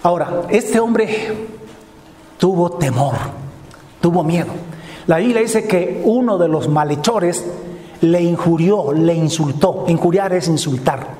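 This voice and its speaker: A man's voice: a little high, slow, pauses often, warm tone, echoey room, big-room sound. A man preaching a sermon, emphatic and fond of repeating key phrases for effect.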